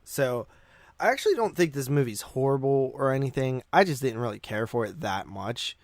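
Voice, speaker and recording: A male podcast co-host with a mid-range voice and lively intonation talks movies at a moderate pace on a dry recording. His casual review chat is loosely phrased and tends to loop back on itself.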